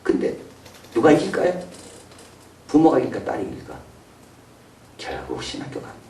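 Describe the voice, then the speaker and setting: A man preaching a sermon as pastor, animated, sometimes acting out the voices of the people he describes. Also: mid-range voice, normal speed, a little hiss or hum. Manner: animated, acts out voices of biblical figures and parents. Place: church sanctuary. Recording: roomy echo, mic from a distance.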